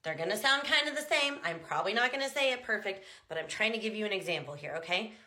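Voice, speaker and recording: Talking fast with lively intonation, a chatty woman from the United States teaches language in a casual talking-head explainer, exaggerating sounds as demonstrations. Her mid-range voice has a sharp tone, and the room is echoey.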